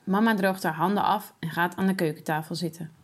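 A woman reading a children's story aloud in an expressive storytelling manner. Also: fairly low pitch, a little fast. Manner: expressive, sing-song storytelling.

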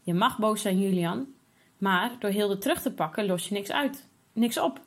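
A woman voicing a patient, firm mother who gently explains a lesson in a children's story. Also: medium pitch, normal speed, natural voice. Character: calm, patient, wise mother.

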